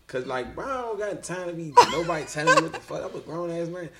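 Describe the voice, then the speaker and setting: A man's voice: a little high, big pitch swings, fast talker, over a noisy crowd. A man around thirty chatting casually and bluntly as a podcast guest, in slangy, profane, bro-like talk. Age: about 30.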